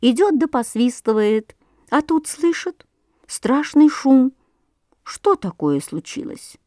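A woman reading a children's tale aloud in an expressive storytelling manner. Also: high-pitched, slow, dry recording, clean studio sound. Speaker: narrator.

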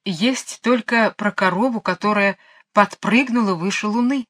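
A woman's voice: mid-range voice, a little slow, fairly bright tone, no room sound, clean studio sound. A woman reading a storybook aloud, voicing a downcast royal secretary reporting bad news. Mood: regretful. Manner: regretful, apologetic.

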